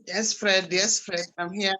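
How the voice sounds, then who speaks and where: Older Kenyan woman, grandmother, guest testimony on a video call, bright forward voice, chatty with restarts. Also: mid-range voice, level tone, unhurried. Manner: conversational, with frequent restarts. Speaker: guest speaker.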